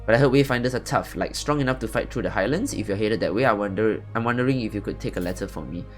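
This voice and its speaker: A man's voice: on the low side, fast talker, soft background music, lightly acted. A man reading as an eager young boy.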